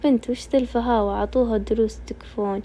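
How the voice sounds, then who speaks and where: A woman's voice: fairly high pitch, fairly even intonation, fast talker, warm tone, slight background noise, natural voice. A woman voicing a teasing, protective young Najdi man in a family story. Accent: Najdi Saudi.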